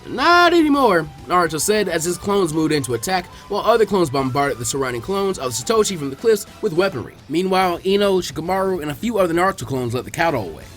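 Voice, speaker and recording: A fan fiction reader narrates an action story as a scripted, dramatic audiobook with music underneath. His fairly high voice has highly varied, lively intonation, and he reads fast with hardly any pauses.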